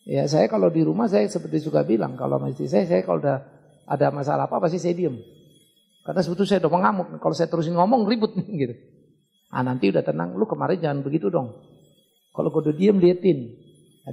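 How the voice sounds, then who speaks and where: A male pastor answering a congregation's questions in a joking, lively teaching manner. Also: sits high, gravelly, husky, big-room sound, dull audio. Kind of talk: sermon Q&A with congregation. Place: church hall.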